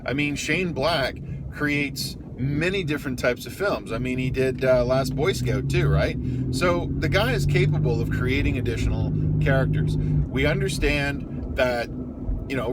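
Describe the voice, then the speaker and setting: An older man giving a casual, opinionated rant in a grumpy, blunt, exasperated way. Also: mid-range voice. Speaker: vlogger. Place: inside a car. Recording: noisy car interior with vehicle noise.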